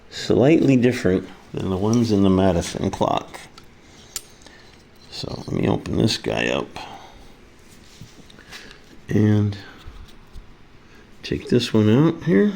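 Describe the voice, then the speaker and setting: Very animated yet slow-paced, a man mutters to himself while casually demonstrating a hands-on repair, pausing often. His lowish voice has vocal fry and a darkish tone, and there's faint background noise.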